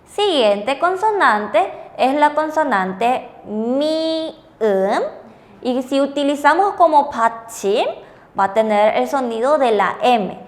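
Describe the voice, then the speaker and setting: Woman teaching a lesson, high voice, keeps asking if you got it. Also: animated, measured pace, in a large hall. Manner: patient, checks understanding with frequent rhetorical questions. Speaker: Korean language teacher. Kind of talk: bilingual classroom lesson on TV.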